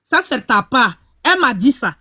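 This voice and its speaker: A woman's voice: on the high side, very animated, sharp tone, breathy edge, no echo, clean studio sound. A woman hosting a gossip live stream, scornful and insulting. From Ivory Coast. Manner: scornful, insulting, talks fast.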